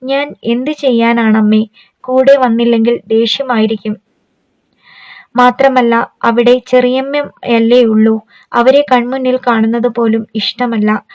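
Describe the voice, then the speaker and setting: A woman voicing a grieving young wife who speaks in a soft, subdued, pleading way. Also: a little high, steady tone, unhurried, dry recording, natural voice.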